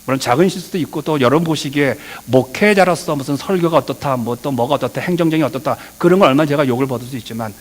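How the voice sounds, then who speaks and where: A middle-aged male pastor preaching a sermon, swinging between loud emphatic peaks and quiet asides, addressing the congregation directly. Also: fairly high pitch. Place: church sanctuary. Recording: long reverb of a church hall.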